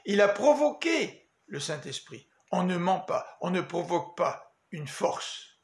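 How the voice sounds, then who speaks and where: A man giving a daily Bible meditation as pastor, in a measured, earnest preaching manner. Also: high voice, big pitch swings, creaky. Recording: echoey room.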